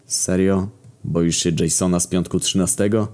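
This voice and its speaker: Guy doing blunt foul-mouthed famine, deep mellow voice. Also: fairly even intonation, moderate pace, lightly acted.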